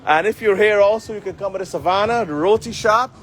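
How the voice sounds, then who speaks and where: The speaker is a man with a high-pitched, fairly bright voice who talks fast. As a community leader live-streaming from a city street, he earnestly addresses viewers with formal public-speaking phrasing while traffic and passing vehicles fill the background.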